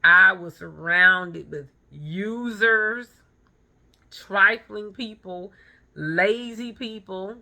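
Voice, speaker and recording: Very slow and sharp in tone, her medium-pitched voice carries a blunt, emphatic motivational monologue. She's a vlogger and photographer in her thirties who shares personal anecdotes and repeats phrases for emphasis.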